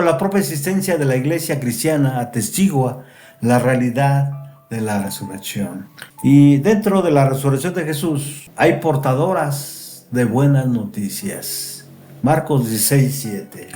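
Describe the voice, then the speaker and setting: A man reviewing a Bible lesson, reading scripture aloud and explaining it with pauses and restarts. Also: medium pitch, warm tone, echoey room, faint music behind. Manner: explains and reads verses with fillers and restarts. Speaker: Bible study teacher.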